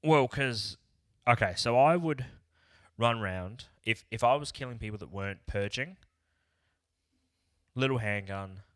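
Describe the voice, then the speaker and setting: A man's voice: mid-range voice, measured pace, pauses often, fairly bright tone, no room sound, clean studio sound. A man co-hosting a podcast, rambling in casual chat and throwing in jokey bits. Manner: rambling, jokey, tries silly accents. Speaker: podcast co-host.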